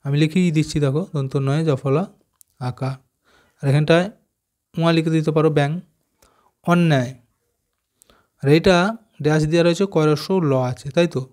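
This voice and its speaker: A man's voice: fairly high pitch, a little mellow. A man teaching young children from a schoolbook, spelling words out letter by letter and asking them questions as he goes. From West Bengal, India. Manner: slow, careful spelling out of letters, asks pupils questions. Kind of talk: explaining a primary school textbook.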